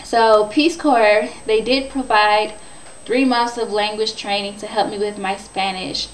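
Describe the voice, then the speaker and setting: A woman's voice: mid-range voice, fairly even intonation, measured pace, a little hiss or hum. A woman in her twenties from Ohio, explaining her volunteer work in an earnest, informal way with some fillers. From Ohio, USA. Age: 20s. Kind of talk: casual self-introduction video. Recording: echoey room, mic at a distance.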